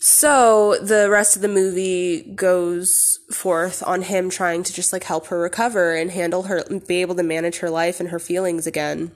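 A woman talks through a personal podcast episode in a loose, rambling way, full of fillers and the odd swear word. Her voice sits a little low for a woman. She sounds candid and unscripted. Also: little pitch movement, normal speed, hardly any pauses. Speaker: podcast host. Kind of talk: casual personal monologue.

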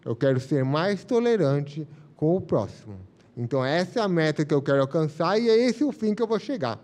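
A man's voice: a little high, animated, brisk, darkish tone. A man giving a live spiritist lecture, reflective and explaining through first-person examples. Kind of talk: live religious talk.

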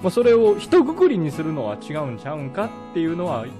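A Kansai-accented man relates a party story at a quick clip. His pitch leaps around animatedly, and he throws in revving engine noises for effect. Faint music plays behind his voice. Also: wildly swooping pitch. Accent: Kansai Japanese. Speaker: podcast co-host telling a story. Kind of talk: casual chat. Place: podcast recording.

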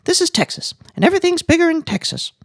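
A joke teller voicing a proud, unflappable Texan waitress in a squeaky, matter-of-fact voice. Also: very animated, fast, gravelly, no room sound, clean studio sound, full character voice. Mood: boastful.

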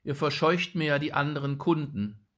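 An impatient market woman from a storybook, her voice raised and brisk as she hurries a customer along, played by a male narrator. Each word comes out curt and clipped. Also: a little high, expressive, fairly bright tone, pitched above the performer's own voice. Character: impatient adult market woman, shoemaker's wife.

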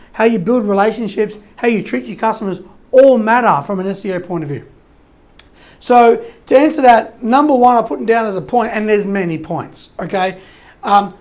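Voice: medium pitch, a little mellow. Chatty SEO consultant explaining off the cuff, lots of restarts and "right?", voice going after long talking. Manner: rambling, frequent restarts and tag questions. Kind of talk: informal explanatory talk.

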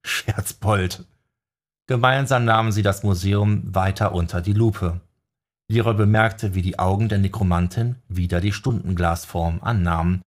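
A man narrating a novel as an audiobook reader in measured storytelling. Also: on the low side, darkish tone, breathy edge. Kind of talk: scripted narration.

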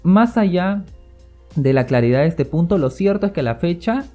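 Measured Peruvian man explaining law. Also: sits high, animated, mellow, soft background music. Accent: Peruvian Spanish. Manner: measured, methodical, ends points with a tag question. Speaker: consumer-law specialist. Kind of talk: explanatory expert commentary.

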